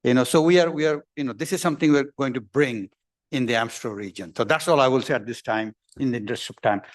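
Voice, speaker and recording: Panelist: mid-pitched man, keen, upbeat, repeats for emphasis, dry mic. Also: fast, no room sound. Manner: enthusiastic, repeats himself. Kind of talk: speaking on a conference panel. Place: conference hall.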